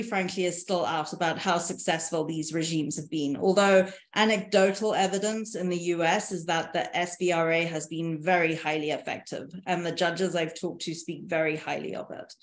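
Sharing slides over a video call, a panelist in her thirties explains insolvency reform in a calm, measured manner. Her voice sits on the low side, and the indoor room she's in gives the audio a noticeable echo.

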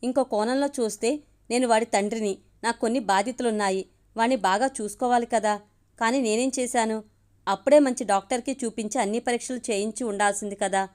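A woman's voice: fairly high pitch, fairly quick, darkish tone, lightly acted. A woman voicing a young father who is shaken and guilt-ridden, speaking in a trembling, tearful way in a storybook reading. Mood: anguished.

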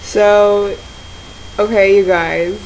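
A sleep-deprived young woman rambling casually to friends on a webcam at home, slangy and joking in a deadpan way. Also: medium pitch, extremely slow, slight background noise, rough recording. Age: young adult. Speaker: video blogger. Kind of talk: casual chat to friends on camera. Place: living room at home, indoors. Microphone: webcam or laptop mic at arm's length.

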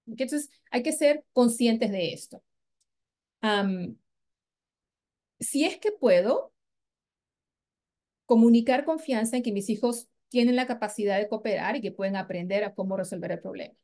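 A woman presents a parenting training in a patient, explanatory way. Her voice sits a little high, and she keeps checking that her listeners follow. When she shows how to question a child, she softens her voice. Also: a little slow, pauses often. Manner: patient, explanatory, frequent "¿verdad?" and "¿ok?" check-ins; models gentle questions to children in a soft voice. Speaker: parenting educator.

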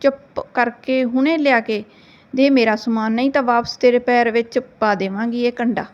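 A woman's voice: a little high, fairly even intonation, moderate pace, highs cut off, close to an everyday voice. A woman voicing Simran, a cheeky young girl who teases and bargains mock-dramatically in a storybook reading. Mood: teasing.

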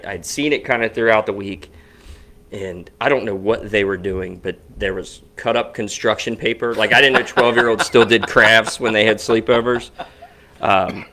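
Chatty man, low voice. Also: bright, forceful tone. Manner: rambling, restarts often, chatty. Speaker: podcast co-host. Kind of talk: casual chat. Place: basement home studio.

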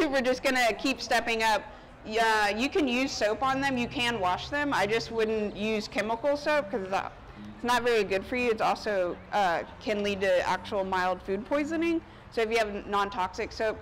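A woman in her thirties, a chef doing a cooking demonstration on an outdoor covered market stage, chats informally while busily cooking for onlookers. Her voice is fairly high and fairly bright, caught on a lapel mic in a low-quality recording with outdoor park ambience behind it.

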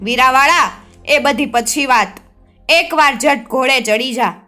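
A woman's voice: sits high, measured pace, sharp tone. A woman voicing a proud, shrewd and loyal Mer warrior man in a folk tale, speaking earnestly. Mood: urgent.

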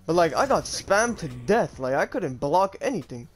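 A man's voice: a little high, sing-song, moderate pace, slightly rough, faint music behind. A man giving casual live gameplay commentary as a YouTuber, talking in an informal, slangy way with plenty of swearing. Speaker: gaming YouTuber.

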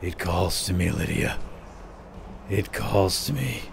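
With game ambience and effects playing behind him, a gaming video host talks to his companion while he plays. His commentary is playful, theatrical and lightly role-played, delivered slowly in a low, gravelly, animated voice over background noise.

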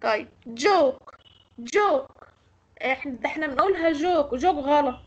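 A woman's voice: high-pitched, animated, moderate pace, muffled recording. An Egyptian woman teaching English pronunciation in an online lecture, explaining and correcting students. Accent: Egyptian Arabic.

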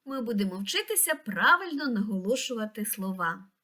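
A woman reading a scripted lesson for young children, pronouncing each word slowly and clearly. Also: on the high side, sing-song, sharp tone. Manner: slow, clear, pronouncing words syllable by syllable. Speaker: teacher.

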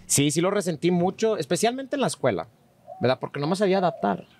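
A man, a podcast guest chatting casually and telling stories with lots of "verdad". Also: fast talker. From Monterrey, Mexico. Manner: animated, acts out quoted voices with rising pitch; frequent fillers like "¿verdad?". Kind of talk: casual conversational storytelling.

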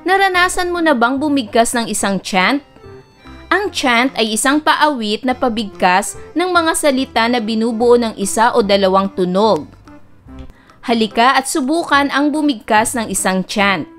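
A woman music teacher giving a recorded lesson to children, speaking slowly and clearly. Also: on the high side, animated, a bit bright. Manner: slow, clear teacher talk, breaks into singing nursery songs.

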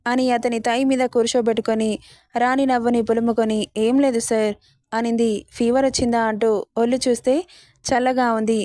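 Mellow-voiced woman reading a serial story. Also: a little high, level tone, moderate pace, dry recording, studio quality. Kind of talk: narrated romance story reading, voicing all dialogue.

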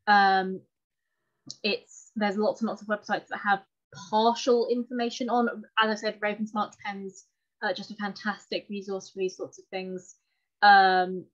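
Here the presenter's pitch sits in the middle and her tone is fairly bright. She chats informally and pokes fun at herself while discussing fountain pens from home on a video call, with the call's microphone giving muffled, low-fidelity audio.

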